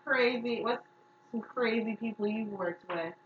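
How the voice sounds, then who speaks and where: A woman's voice: a little high, unhurried, a little hiss or hum. A woman co-hosting a podcast, chatting playfully and teasing her co-host. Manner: playful, teasing, swears casually. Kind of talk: casual chat. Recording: echoey, distant, dull sound.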